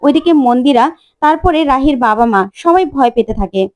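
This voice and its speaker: Fast, high-voiced woman recapping a soap. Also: animated, darkish tone, dry recording, studio quality. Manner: brisk retelling. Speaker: recap narrator. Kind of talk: soap-opera episode recap.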